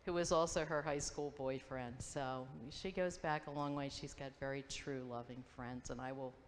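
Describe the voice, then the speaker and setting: A woman in her fifties giving a memorial tribute, telling stories in a halting, reminiscing way and acting out quoted voices. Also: sits low, slight background noise. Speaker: memorial speaker, old friend. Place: school auditorium. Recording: long hall reverb, faint ambience.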